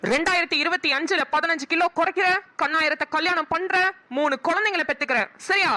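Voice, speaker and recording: A woman with a Namakkal Tamil accent voices a bossy, scolding friend in a cartoon. She talks quickly in a high, bright voice. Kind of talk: cartoon voice acting.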